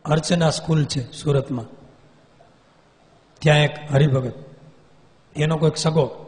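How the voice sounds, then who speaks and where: A man preaching, telling a story in an animated way and acting out scenes. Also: fairly high pitch, unhurried. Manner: animated, acts out scenes with gestures. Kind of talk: sermon storytelling. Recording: long hall reverb.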